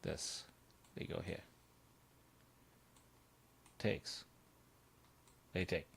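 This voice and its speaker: His very low voice has a creaky, breathy edge, and he draws out his words. Streaming live, he talks through chess puzzles in short bursts of thinking aloud, repeating phrases and erupting with excitement, much like a coach calculating moves on the spot.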